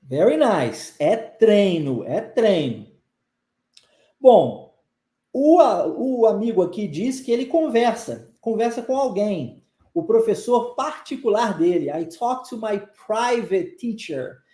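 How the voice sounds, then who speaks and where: A man's voice: high voice, big pitch swings, slow pace, dark tone, echoey room. A man with a Brazilian Portuguese accent gives a live online English pronunciation lesson, coaxing his viewers and drilling phrases through repetition. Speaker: English teacher.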